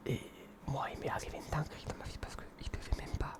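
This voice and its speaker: Young man in a soft library whisper. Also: fast. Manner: hesitant, informal, earnest, apologetic. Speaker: ASMR video creator presenting books. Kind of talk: whispered ASMR book presentation.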